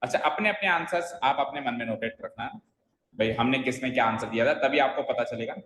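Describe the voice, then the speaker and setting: A man's voice: medium pitch, brisk, fairly bright tone. A man teaching an English grammar class, quizzing students by name and coaxing them to listen closely. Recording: echoey roomy sound.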